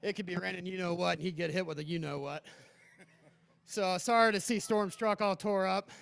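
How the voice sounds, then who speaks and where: A man, a race driver, talking excitedly in a post-race interview and rattling off thanks to his sponsors. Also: high voice, brisk, vocal fry.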